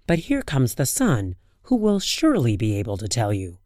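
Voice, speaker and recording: A woman voicing the moon as an aloof, unhelpful spirit in a fairy tale, speaking low and flat. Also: moderate pace, dry recording, clean studio sound, exaggerated voice. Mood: dismissive.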